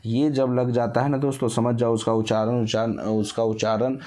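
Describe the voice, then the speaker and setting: A man's voice: medium pitch, little pitch movement, brisk, darkish tone. A male teacher giving an exam-prep lesson, who calls his viewers friends and answers his own questions, drawing out vowels to show how they sound.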